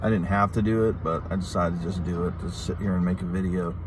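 A middle-aged man with a fairly low voice speaks candidly into a phone held at arm's length in a parked car. He is informal and confiding, halting and repeating himself as he goes. There is light background noise. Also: fairly even intonation. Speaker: vlogger, channel host. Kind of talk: casual, candid talk to the camera. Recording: noisy in-car phone recording.

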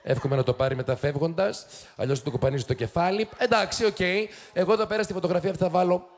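A man's voice: on the high side, steady tone. A man hosting a TV show, giving teasing, sarcastic commentary to a studio audience. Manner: sarcastic, teasing, quick mocking asides. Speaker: TV show host. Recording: noisy studio with loud audience. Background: studio audience laughing and cheering.

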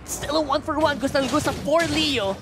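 A woman with a Filipino accent calls an esports match live. Her voice is high-pitched and her delivery is animated and exclamatory, over prominent background music. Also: moderate pace. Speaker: esports shoutcaster. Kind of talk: live play-by-play esports commentary. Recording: loud music behind broadcast commentary.

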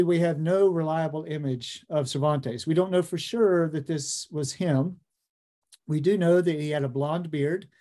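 A middle-aged American man lecturing conversationally over slides, pausing often with ums as he thinks. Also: a little high, mellow. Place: indoor room, video call.

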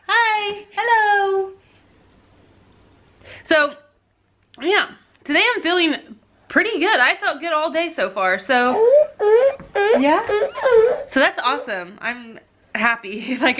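A young woman vlogging casually at home, chatting to her viewers and switching to a high sing-song voice for her baby. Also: bright, forceful tone. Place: at home, then by car at a park.

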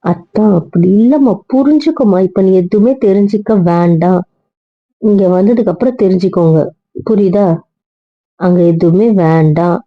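A woman voices a young wife who alternates between coaxing her husband with pet names and ordering him about. Her voice sits at a middle pitch. The recording sounds slightly muffled. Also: natural voice. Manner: coaxing, then scolding. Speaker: doctor.

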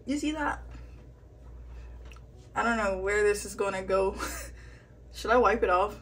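Tipsy girl doing a makeup vlog, woman w kinda husky voice, talks real slow, sweary n rambly. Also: medium pitch. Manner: rambling, self-mocking, swears freely. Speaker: vlogger doing a makeup tutorial. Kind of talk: casual chatty makeup tutorial.

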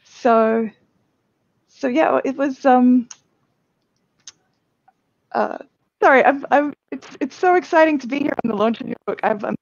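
A woman's voice: sits high, dry recording. A woman interviewing over a video-call headset, giggling and restarting often as her voice cuts in and out. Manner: giggly, halting, many restarts. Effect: breaking-up connection, voice cutting in and out. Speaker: interviewer at a book launch. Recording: dull lo-fi call audio with dropouts.

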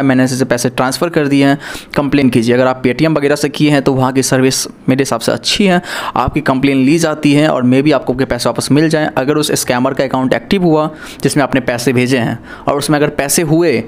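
A man's voice: medium pitch, fairly even intonation, a little fast. Young guy doing an earnest scam warning vid, talking to the camera like to his friends, lapel mic, plain room. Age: young adult. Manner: earnest, cautioning, addresses viewers as friends. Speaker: YouTube cyber-awareness presenter. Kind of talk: explainer to camera.

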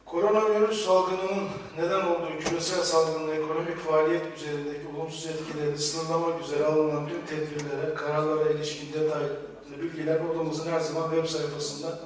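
A man chairing a chamber meeting, giving a formal, measured address at a podium microphone in a large meeting hall. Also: on the high side, little pitch movement, far from the mic. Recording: echoey hall, voice from afar.

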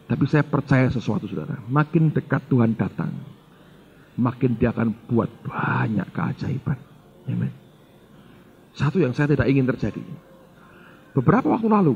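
A man's voice: medium pitch, breathy edge, lo-fi sound. A middle-aged male pastor, telling a story in a sermon and acting out the dialogue while addressing the congregation.

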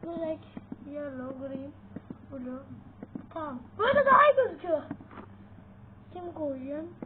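Jumpy female game streamer with a very high voice, yelps at scares, tinny phone-like line. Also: lively intonation, unhurried. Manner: jumpy, yelps at sudden sounds. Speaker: gaming channel host. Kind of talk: casual gameplay commentary. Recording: tinny phone-like sound, faint noise.

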